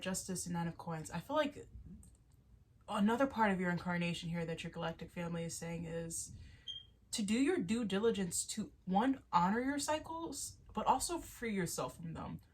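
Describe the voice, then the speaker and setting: A woman's voice: medium pitch, slight background noise. A young woman with a stuffy nose giving a casual, earnest tarot reading, rambling with restarts and little laughs. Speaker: spiritual tarot reader. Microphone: solo video to camera.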